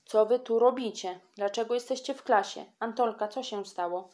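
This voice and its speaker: A woman voicing a concerned female schoolteacher asking her pupils brisk questions in a storybook reading. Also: on the high side, a little mellow, natural voice.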